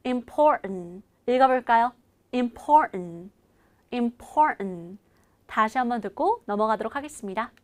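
A woman teaching an online English lesson, coaching viewers to repeat after her and slowing right down to model each phrase. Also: a little high, animated.

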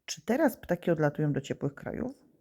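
Low gravelly woman teaching children. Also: very animated, fairly quick, warm tone. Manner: patient, asks and answers her own questions. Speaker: primary school teacher. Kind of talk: remote lesson for children.

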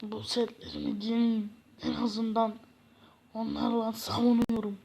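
Woman playing a poor man, sighing, whiny, self-pitying, slow, husky. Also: a little high, completely flat delivery, mellow, heavily acted. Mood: gloomy complaining. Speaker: content creator. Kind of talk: game parody role-play.

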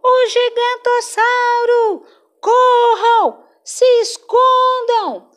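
A woman voicing a prankster little boy dinosaur who shouts false alarms in a storybook reading. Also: very high-pitched, extremely slow, voice pushed up, heavily acted. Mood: shouting alarm.

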